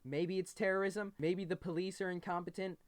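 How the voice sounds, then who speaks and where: A man runs an informal news explainer from his bedroom computer desk, keeping the story casual and simple. He has a high-sitting voice with a steady tone and talks a bit fast.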